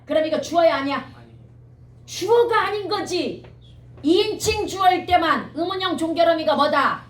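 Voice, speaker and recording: A woman lectures on grammar at a high pitch, quizzing her students with quick rhetorical questions. Her voice bounces around a reverberant room, picked up from some distance away from the mic. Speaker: Korean grammar teacher. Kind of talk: exam-prep lecture.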